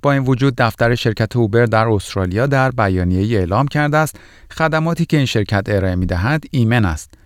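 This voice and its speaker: A man's voice: medium pitch, animated, clear, resonant tone, no room sound, clean studio sound. A man presenting scripted news items as a podcast news reader.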